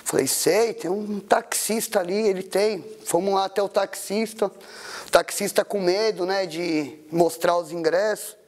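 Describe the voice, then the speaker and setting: A middle-aged man with a São Paulo accent recounts a personal memory in an interview. His voice sits high for a man, and he tells it in an emotional, slangy way. He acts out the quoted lines of the people in the story. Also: measured pace. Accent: São Paulo Portuguese. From Brazil. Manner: emotional, animated, slangy retelling with acted-out quotes.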